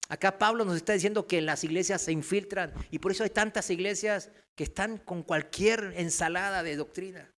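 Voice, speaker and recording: A male pastor delivers an impassioned sermon in a high, bright voice. He climbs into loud emphatic bursts and drops to quiet, low asides. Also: a little fast, hardly any pauses.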